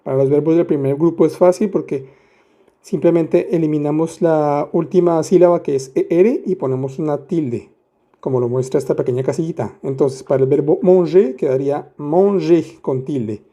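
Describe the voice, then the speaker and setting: A mellow, somewhat high male voice guides the listener through French grammar at a moderate pace. He teaches patiently, step by step, asking rhetorical questions and adding playful asides.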